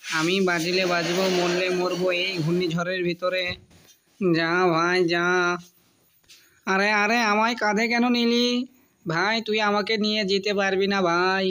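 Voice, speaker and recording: A man as a high-voiced, pleading cartoon fox. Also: fairly bright tone. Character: selfless, pleading lame younger brother fox. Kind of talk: cartoon voice acting.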